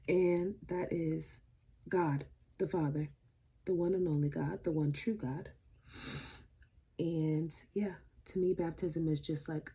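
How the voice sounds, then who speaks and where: A woman's voice: lowish voice, warm tone, slightly rough. A woman in her twenties talking casually and earnestly to her vlog audience, emotional and rambling with fillers. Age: 20s. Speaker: vlogger. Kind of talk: casual vlog talk to camera.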